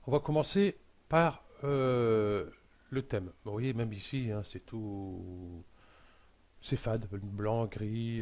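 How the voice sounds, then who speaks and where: A man talking through a casual software tutorial, hesitant and full of fillers and restarts. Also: lowish voice.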